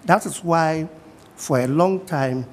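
A middle-aged man with a Ghanaian accent and a fairly high voice speaks calmly in a TV studio interview, going back over his main points. His voice trails off into a long studio reverb, over a faint background hiss. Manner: measured, repeats key points. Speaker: fishing industry guest.

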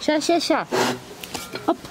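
A woman takes her time, cooing fond baby talk with repeated words and diminutives, as if to animals, while filming and feeding bears. It is recorded on the handheld camera she holds outdoors at the zoo's bear enclosures, with background noise.

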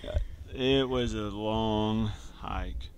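A man's voice: lowish voice, fairly even intonation, moderate pace, a bit bright, a little hiss or hum. A young man chatting casually for a travel vlog while hiking outdoors, a little out of breath. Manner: upbeat, talking while hiking. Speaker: vlogger. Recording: faint outdoor ambience.

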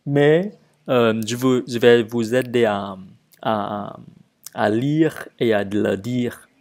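Guy teaching real slow, lots of um, mellow dark voice. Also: medium pitch. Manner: hesitant, many fillers, stretches conjugation drills slowly. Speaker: French teacher. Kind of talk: relaxed spoken language lesson.

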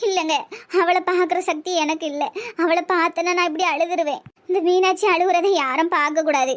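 ஒரு பெண் கார்ட்டூனில் நெல்லை வட்டார வழக்கில், மனம் புண்பட்டு அழுதுகொண்டே பேசும் வயதான பணக்காரப் பெண்ணுக்குக் குரல் கொடுக்கிறார். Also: female voice, very high voice, steady tone, a little fast. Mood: hurt, tearful. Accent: Tirunelveli Tamil. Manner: sobbing, pleading. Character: tearful elderly rich woman, proud and hurt. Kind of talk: cartoon voice acting.

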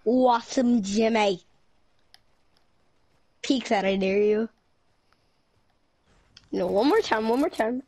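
High-voiced playful woman gamer. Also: lively intonation, measured pace, pauses often, a little mellow, dry recording, clean studio sound. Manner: playful, teasing. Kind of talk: casual gaming chat.

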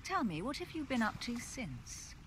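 An actress playing a composed aristocratic duchess in a game, measured and refined. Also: female voice, a little high, very animated. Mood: inquiring. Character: poised aristocratic woman, a duchess, probing and composed. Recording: noisy game audio.

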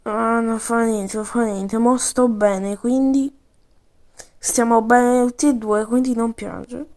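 A woman improvising playful, slangy role-play commentary over a video game, with sudden yells. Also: a little high, fairly even intonation, slow pace.

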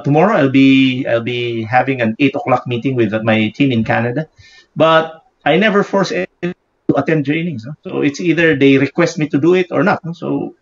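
A man in his fifties on a video call, talking animatedly and often ending points with a questioning "no?". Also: mid-range voice. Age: 50s. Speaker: guest speaker. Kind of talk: casual video-call interview. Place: indoor room with bookshelves. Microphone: earphone mic on video call. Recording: dull lo-fi video call audio.

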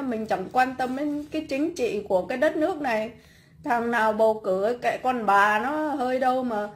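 A woman from Vietnam, ranting bluntly and scornfully on a casual livestream while making cakes at home, with many repeated fillers. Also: a little high.

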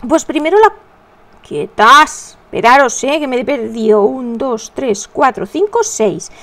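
Chatty high-voiced woman crocheting. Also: expressive, unhurried, fairly bright tone. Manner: chatty, counts stitches under her breath, addresses viewers as "reinas". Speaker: crochet tutorial host. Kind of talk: casual chatty crochet tutorial, counting stitches aloud.

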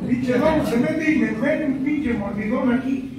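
Profane Mexican man shouting at a rehab group. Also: very high-pitched, measured pace. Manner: profane, scolding, half-shouting. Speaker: sponsor addressing a rehab group. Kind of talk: confrontational testimony to a group. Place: rehab group meeting room. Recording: echoey room from far off, noisy.

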